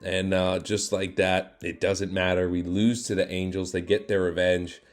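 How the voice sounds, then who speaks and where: A man giving play-by-play commentary over his own video game, excitable and quick to jump up loud at big moments, his voice a little worn. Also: low-pitched, soft background music. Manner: excitable, voice jumps up and gets loud at big plays. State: losing his voice. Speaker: gaming YouTuber.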